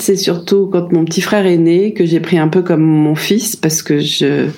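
Hesitant French woman with a dark voice. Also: sits low. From France. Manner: hesitant, many fillers and restarts. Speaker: brand founder, guest. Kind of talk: reflective interview answers.

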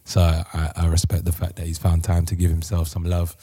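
A man's voice: low voice, completely flat delivery, fairly quick, dark tone, dry recording, clean studio sound. A man with a London roadman accent hosting a podcast in casual, playful, slang-heavy banter. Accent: London roadman, multicultural urban slang. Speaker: podcast host.

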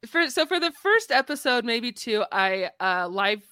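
A woman's voice: fairly high pitch, big pitch swings, moderate pace, bright, forceful tone, dry recording, clean studio sound. A woman co-hosting a casual podcast chat, frank and playful, acting out quotes. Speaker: podcast co-host.

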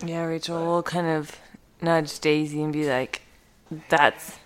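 A woman's voice: low-pitched, little pitch movement, a little slow, smooth. A woman playing in a tabletop game, chatting in a teasing, casual way. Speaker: player. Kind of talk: casual tabletop role-play.

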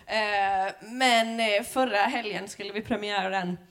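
A woman's voice: medium pitch, fairly even intonation, a bit bright. Laughing woman comedian. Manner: laughing, crude storytelling. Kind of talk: casual chat on a comedy podcast.

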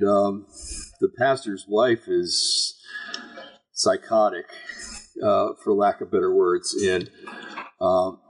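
A man hosts an informal online religious talk in a gravelly, husky voice that sits on the low side. His delivery is folksy and halting, rambling along as he addresses his listeners. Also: low-quality recording. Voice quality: raspy, gravelly voice. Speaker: online show host. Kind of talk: informal religious commentary to a live audience.

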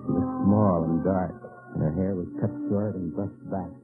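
An actor playing a weary, earnest undercover agent in an old-time AM radio drama, with clipped, haunted delivery. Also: male voice, low-pitched, steady tone, normal speed, loud music behind the voice. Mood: haunted, reflective. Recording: tinny old AM radio recording.

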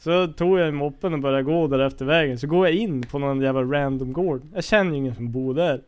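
A man's voice: mid-range voice, a little mellow, clean tone. A young man telling a story in casual chat, slangy and full of swearing.

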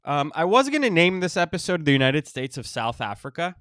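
A man hosting a casual podcast monologue, wheezy and short of breath while recovering from illness, halting with pauses and repeated phrases. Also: on the high side, very animated, fairly bright tone, no echo, studio quality. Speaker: podcast host.

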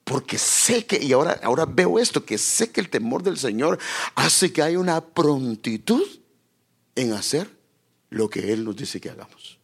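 A man's voice: mid-range voice, big pitch swings, moderate pace, vocal fry, breathy edge. A man preaching a sermon, quoting scripture and calling his listeners brother.

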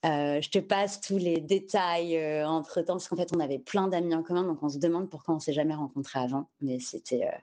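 A woman from France telling a personal story candidly on a podcast, unhurried and searching for her words, slipping English terms into her French. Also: low voice, warm tone.

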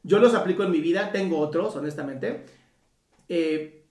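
A man's voice: a little high, moderate pace, a little mellow. A man with a Mexican Spanish accent, a psychotherapist giving a casual talk in everyday slang, swearing freely and tossing in tag questions. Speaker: Gestalt psychotherapist. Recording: roomy echo, mic at a distance.

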